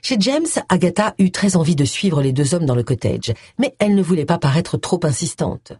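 An audiobook reader doing scripted narration with an expressive, lively delivery. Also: medium pitch, normal speed, husky, dry recording, studio quality.

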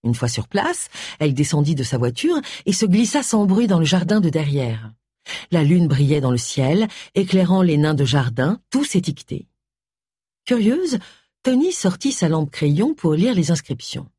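Husky man reading an audiobook. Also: a little high, moderate pace, no room sound, studio quality. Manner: expressive, plays all the parts. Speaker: audiobook reader. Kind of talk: audiobook narration.

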